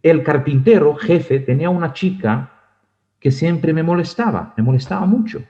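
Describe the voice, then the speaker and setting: A man's voice: on the high side, expressive, normal speed, dark tone, lo-fi sound. A man who is a pastor, preaching a sermon in a conversational, storytelling way and laughing often.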